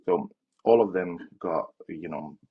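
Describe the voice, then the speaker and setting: A man's voice: low-pitched, takes it slowly, slightly rough, narrow, tinny audio. A young man from Syria answering interview questions in a hesitant way, with fillers and restarts. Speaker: interview guest.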